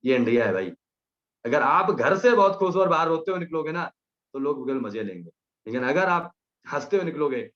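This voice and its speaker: A young man gives a motivational speech in a fairly high voice. He drives his points home with emphasis and keeps repeating his punchlines. The recording is slightly muffled and lo-fi. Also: a bit bright. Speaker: motivational team leader.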